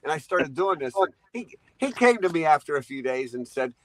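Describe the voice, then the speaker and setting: A man's voice: on the high side, very animated, fairly quick, dry recording, poor audio. A man in his fifties, a truck driver guest, tells long rambling anecdotes, laughing often and acting out what people said. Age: 50s. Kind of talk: storytelling interview.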